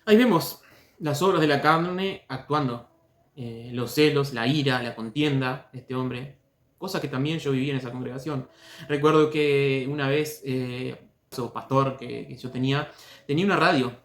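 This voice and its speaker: A man hosting a commentary video, speaking calmly with frequent hesitations while telling his own story. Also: medium pitch, moderate pace. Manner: hesitant, many fillers and restarts, calm. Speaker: host commenting on testimonies. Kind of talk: critical commentary and personal story. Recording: echoey room.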